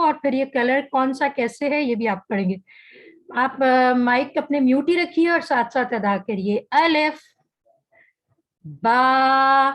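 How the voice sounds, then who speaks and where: A woman teaching an online tajweed class, saying each letter slowly and carefully, then patiently explaining how it is made. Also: sits high, low-quality recording. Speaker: Quran recitation teacher.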